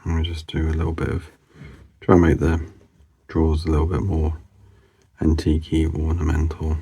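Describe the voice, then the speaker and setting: A man's voice: extremely low pitch, monotone, normal speed, vocal fry, dark tone, breathy edge. A man hosting a drawing channel, mumbling casual commentary to himself as he sketches, rambling with lots of fillers.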